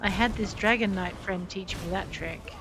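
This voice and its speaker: A woman's voice: mid-range voice, moderate pace. A woman hosting a gaming video, chatting playfully to herself and her game companions in a genteel way with mild exclamations. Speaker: gaming video host playing in character. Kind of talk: playful game commentary, talking to self.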